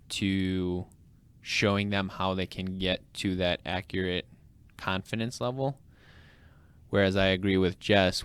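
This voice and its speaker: A man with a deep, clean-toned voice talks through ideas in a relaxed panel discussion. He speaks in a measured, thoughtful way, building each point patiently. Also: smooth, no room sound. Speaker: podcast panelist. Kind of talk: casual discussion.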